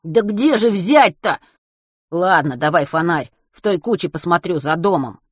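A woman voicing a stubborn teenage boy who talks brusquely and grumbles loudly in an audiobook. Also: low voice, moderate pace, no room sound, studio quality. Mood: angry. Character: determined teenage boy, gruff and stubborn rescuer.

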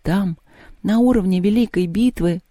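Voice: mid-range voice, a little fast, dark tone, dry recording, clean studio sound, pitched above the performer's own voice, close to an everyday voice. A reader voicing a prim girl who muses aloud and is easily flustered. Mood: musing.

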